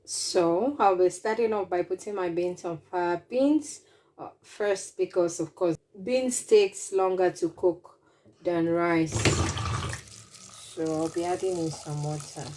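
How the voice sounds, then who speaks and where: A woman's voice: lowish voice, takes it slowly, dark tone, slight background noise. A woman, chatting casually as she walks viewers through a cooking demonstration and explains each ingredient. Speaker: cooking vlogger.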